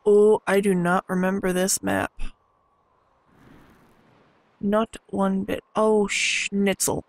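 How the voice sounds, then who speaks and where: A young American man with a slight Southern twang, playing a game in an early-morning let's play, excitable and swearing under his breath. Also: sits high, slow, a little hiss or hum. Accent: American, sometimes Southern. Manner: excitable, swears and mutters to himself. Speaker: gaming YouTuber.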